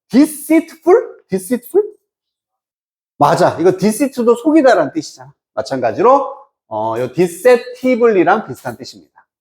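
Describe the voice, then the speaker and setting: Guy teaching english, high lively voice, asks himself stuff and answers, drags out english words. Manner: lively, asks and answers his own questions; drawls English words very slowly. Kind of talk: lecture.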